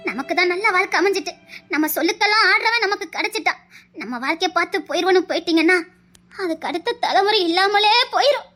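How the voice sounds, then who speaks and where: A woman's voice: very high-pitched, animated, fast talker, bright, forceful tone, soft background music, full character voice. A woman playing an elderly mother-in-law who earnestly pleads and lectures her family, with a Tirunelveli Tamil accent. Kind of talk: family web-drama acting.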